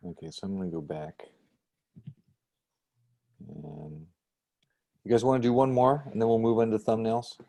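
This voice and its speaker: A man's voice: on the low side, normal speed, creaky, pauses often, warm tone. A man teaching an online design class over a video call, chatty and checking in with "right?". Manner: conversational, often checks with "right?".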